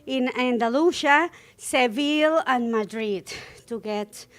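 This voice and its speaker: A woman's voice: high-pitched, slow, a bit bright. A Spanish-native woman, a flamenco dancer interviewed as a guest, talking hesitantly and searching for English words with many fillers. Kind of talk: interview conversation.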